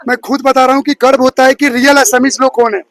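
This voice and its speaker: High-voiced angry man from Bihar. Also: level tone, fast, a bit bright. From Bihar, India. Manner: angry, confrontational, insults critics. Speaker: bystander interviewee. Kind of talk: angry street interview.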